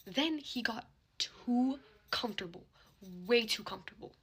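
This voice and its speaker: A young woman telling a casual storytime in a hushed, half-whispered voice, acting out what people said. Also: a little high, expressive, unhurried, breathy edge.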